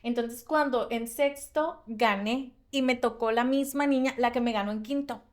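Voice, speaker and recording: High-voiced Mexican woman telling stories. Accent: Mexican Spanish. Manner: animated storytelling, fast bursts, frequent laughs. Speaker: podcast co-host. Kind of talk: casual podcast conversation.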